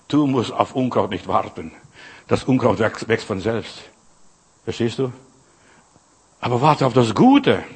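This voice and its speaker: Husky-voiced older man preaching. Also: medium pitch. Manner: earnest, addresses listener directly, quotes scripture. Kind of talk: sermon.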